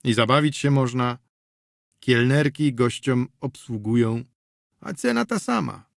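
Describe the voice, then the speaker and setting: A man's voice: mid-range voice, lively intonation, measured pace, vocal fry, no echo, clean studio sound. A man doing a cheeky, coaxing street hustler. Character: chatty street hustler, small cheeky drinking companion.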